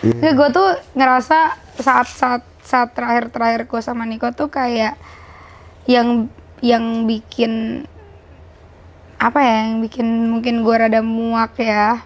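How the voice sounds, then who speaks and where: High-voiced woman, candid talk. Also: level tone, slow pace. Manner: reflective, emotional, informal slang. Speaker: host. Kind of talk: casual candid conversation.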